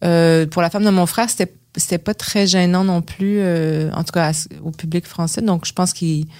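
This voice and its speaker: A woman's voice: on the low side, steady tone, moderate pace, mellow. A woman with a Quebec French accent, a guest in an interview, talking casually with many fillers, restarts and digressions. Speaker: actress and director, guest.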